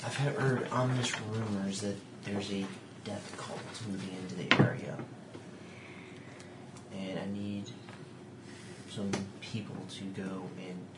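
In a noisy, echoey room, a man plays a grave temple priestess from a tabletop fantasy game. The voice is low and earnest, with solemn, formal phrasing suited to handing out a holy quest. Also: flat delivery, takes it slowly, pauses often, far from the mic.

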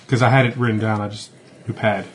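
A man's voice: lowish voice, steady tone, quick pace, a little hiss or hum. A man chatting casually as a player at a tabletop game, asking short questions.

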